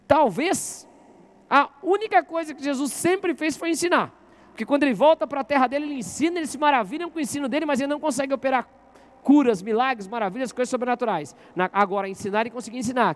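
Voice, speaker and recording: Very high-voiced preaching pastor. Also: male voice. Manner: interactive, asks the congregation questions. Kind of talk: sermon. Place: church.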